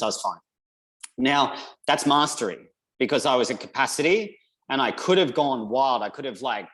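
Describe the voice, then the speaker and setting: A man talks as an interview guest in a casual, conversational way. He is blunt and emphatic, with swearing dropped in freely. His voice sits at an ordinary mid pitch. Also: fairly bright tone, low-quality recording. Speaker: interview guest, masculinity coach.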